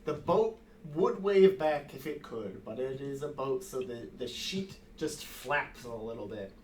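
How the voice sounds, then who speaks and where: A man narrating as game master in casual banter, laughing often and tossing in quick asides. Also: medium pitch, expressive, a little mellow, slight background noise.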